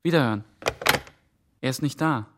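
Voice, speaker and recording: In a German radio play, an actor voices an anxious, impatient man entangled in a conspiracy, muttering in a natural way. His medium-pitched voice keeps a normal speed and a businesslike mood, lightly acted, with background noise behind it.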